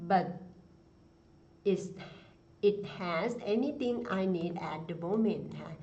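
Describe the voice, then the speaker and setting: A woman teaching English pronunciation, reading phrases slowly, repeating them and explaining each one. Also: lowish voice, mellow. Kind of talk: slow bilingual English pronunciation lesson. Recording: dull lo-fi sound.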